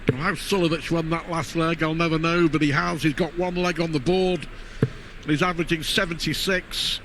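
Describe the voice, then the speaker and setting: A man's voice: a little high, little pitch movement, moderate pace, a bit bright. A man giving conversational live commentary on a darts match. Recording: clear venue noise behind commentary.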